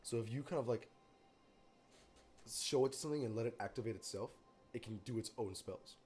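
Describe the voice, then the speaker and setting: A man narrating a tabletop game as game master, halting and full of fillers. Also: medium pitch, a little mellow, soft background music.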